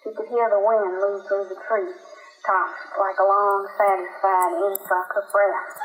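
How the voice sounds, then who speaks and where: A woman reading a story aloud as narrator, in a steady, unhurried storytelling manner. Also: medium pitch. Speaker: audiobook narrator. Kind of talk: scripted narration. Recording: dull, roomy recording.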